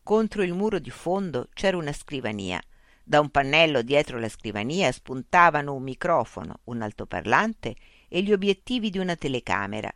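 A narrator reading a science fiction story as an audiobook in a calm, even way, close to the mic. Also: medium pitch, moderate pace, no room sound.

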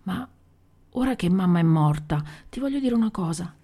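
A woman voicing a hungry nine-year-old boy, bitter and defiant, speaking in a hushed, often whispered voice in a storybook reading. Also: fairly low pitch, animated, moderate pace.

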